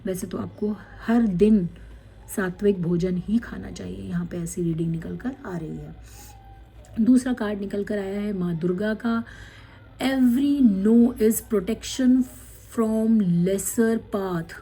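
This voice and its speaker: A woman tarot card reader, gently guiding viewers through a spiritual card reading, with many fillers. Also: medium pitch, fairly even intonation, gravelly, breathy edge. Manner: slow, gentle guidance with many fillers, reading card messages aloud in English.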